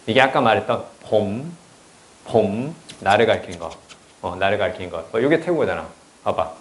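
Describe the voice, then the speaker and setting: A man's voice: on the low side, lively intonation, normal speed, slight background noise. A man teaching English in a casual lecture, chatty and blunt, often swearing and checking with students. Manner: chatty, blunt and profane, asks students "right?". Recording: roomy echo.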